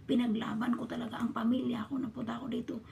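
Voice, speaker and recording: Woman from the philippines, casual storytelling vlog, heavy vocal fry, dark mellow tone, often whispering. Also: on the high side, level tone, fast, slight background noise. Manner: often drops into a hushed whisper. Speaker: vlogger and domestic worker abroad. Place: a bedroom in her employer's home.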